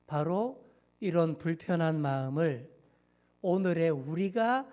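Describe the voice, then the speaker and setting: A man preaching a sermon as senior pastor, telling a story with drama and acting out the characters' lines, sometimes dropping to a hushed whisper. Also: fairly high pitch, lively intonation, slow.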